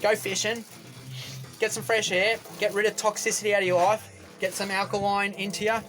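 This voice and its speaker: A man's voice: high-pitched, little pitch movement, brisk, over music. A young Australian man ranting to camera from a boat, rambling and repetitive, with a combative edge. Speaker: vlogger. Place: on a boat outdoors.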